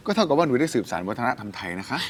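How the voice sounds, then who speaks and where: An actress playing an exasperated but doting big sister in a Thai slapstick sitcom, swinging between sweet and sharp. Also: female voice, rumbling low, very animated, racing, heavy background noise. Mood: teasing, sweet. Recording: loud music laid over the dialogue.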